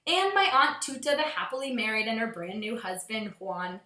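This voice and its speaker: In a slightly high voice and at a moderate pace, a woman performs a children's storybook the way a schoolteacher would, with lively storytelling. She recorded it at home in a roomy space.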